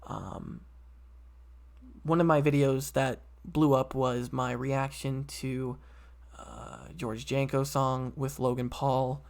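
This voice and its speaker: A young man in his late teens talks casually into his computer mic, hosting his own solo podcast. His voice is gravelly with a fry at the ends of phrases, sitting at an ordinary middle pitch. He rambles loosely, full of ums, uhs and restarts. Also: takes it slowly. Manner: rambling, many fillers and restarts. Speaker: podcast host.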